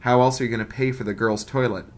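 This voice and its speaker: A man's voice: mid-range voice, fairly even intonation, fast talker, close to an everyday voice. A man doing a whiny scheming schoolboy. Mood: whining. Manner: whiny, petulant. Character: scheming schoolboy, calculating, feigning fear.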